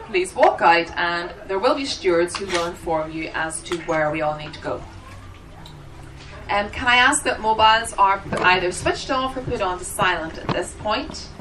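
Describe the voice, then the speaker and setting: A woman working as an interpreter, voicing a seminar introduction in short, halting phrases as she addresses a room. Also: lowish voice, animated. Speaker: sign language interpreter voicing the signers. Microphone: microphone at the front of the room. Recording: distant microphone, noticeable background noise.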